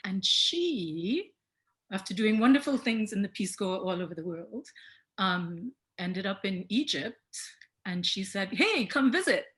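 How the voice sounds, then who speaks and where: A middle-aged woman speaks as a guest on a casual video call. She talks in a chatty way and tells anecdotes. Her voice sits at an ordinary middle pitch for a woman. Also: lively intonation, unhurried, fairly bright tone.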